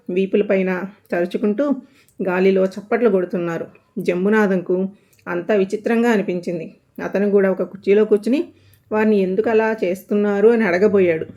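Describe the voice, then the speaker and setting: A woman storyteller reading a comic short story aloud in a steady, expressive way. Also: mid-range voice, highs cut off.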